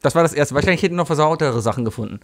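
A man's voice: fairly high pitch, lively intonation, racing. A man hosting a podcast, reading a story aloud and chatting, who keeps giggling and stumbling. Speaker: podcast host. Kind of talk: casual chat and story reading.

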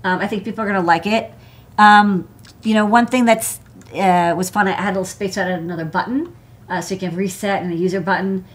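With a mid-range voice, fairly even intonation and a quick pace, an American woman in her thirties or forties hosts a casual live hardware show-and-tell. She's an electronics engineer at an indoor desk workspace, rambling chattily with lots of "like" and "you know".

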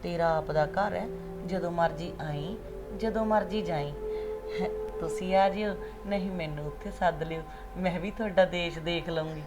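An actress playing an older mother who talks gently and sadly to her son and daughter-in-law, with a Punjabi accent. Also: lowish voice, moderate pace, natural voice. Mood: tender. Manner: gentle, sorrowful, soothing. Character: sad elderly mother, tender and resigned. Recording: music bed under dialogue.

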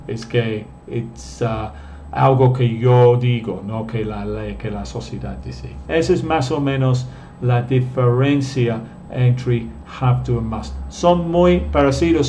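A male teacher runs a live online lesson, taking things slowly and patiently. His voice sits at an ordinary middle pitch, and he pauses often to read out comments from viewers. Faint keyboard typing can be heard in the background. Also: dark tone, slight background noise. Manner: patient, explains step by step and reads out viewer comments. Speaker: English teacher.

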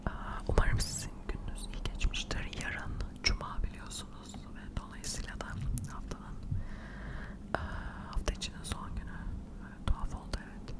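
A middle-aged woman whispering quietly in casual, rambling, self-deprecating ASMR chat, close to the microphone. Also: normal speed. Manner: quiet, hushed late-night whispering. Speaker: ASMR video creator. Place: furnished living room at home, indoors. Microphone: furry-covered microphone close to the mouth.

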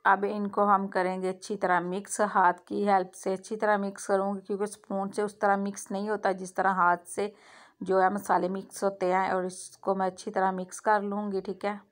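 A woman's voice: mid-range voice, level tone, moderate pace. A woman hosting a home cooking vlog, chatting casually as she cooks and often saying "theek hai" and "mashallah". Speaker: cooking channel host. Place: home kitchen.

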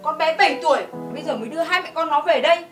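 An actress as a bossy grandmother, high voice, quick scolding delivery, drama series. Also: lightly acted. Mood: indignant. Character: harsh scolding grandmother, older woman. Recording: roomy, distant mic, music behind.

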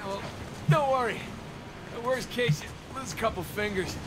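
An actor playing a quick-witted adult male adventurer in a video game, with dry, sarcastic quips. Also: sits high, close to an everyday voice. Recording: game audio with boat and water noise.

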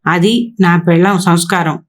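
A woman's voice: lowish voice, steady tone, normal speed, natural voice. A woman voicing an agitated, bitter young married man in a storybook reading, talking in a complaining, sarcastic way.

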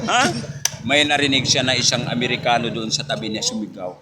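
A man's voice: medium pitch, brisk, crowd noise. A man from the Philippines hosting a joke segment, telling a story casually and tossing in a questioning "ha?" between lines. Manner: keeps adding a questioning "ha?"; chuckles at his own jokes. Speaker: joke teller and host. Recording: noisy with passing vehicles.

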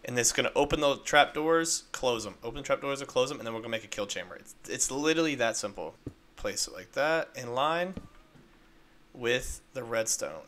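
A man's voice: medium pitch, lively intonation, fairly quick, fairly bright tone. A man casually narrating a game-building tutorial step by step, upbeat and playful with little sound effects. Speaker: Minecraft video creator.

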